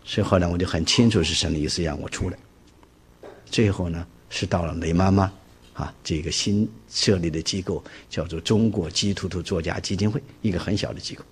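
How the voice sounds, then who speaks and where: A husky man, a preacher, giving an animated personal testimony and acting out the dialogue he quotes. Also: sits low, brisk. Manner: vivid storyteller who acts out quoted dialogue.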